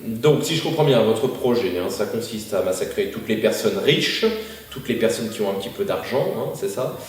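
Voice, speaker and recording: A man's voice: fairly low pitch, normal speed, far from the mic, natural voice. An actor playing a polite, hesitant male interviewer who stammers often, recorded in an echoey room away from the mic. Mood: earnest. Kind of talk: parody web-series interview acting.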